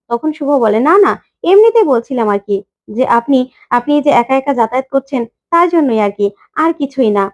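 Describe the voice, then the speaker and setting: A woman's voice: sits high, dull audio. A woman narrating a recap of a TV serial, voicing every character's lines herself.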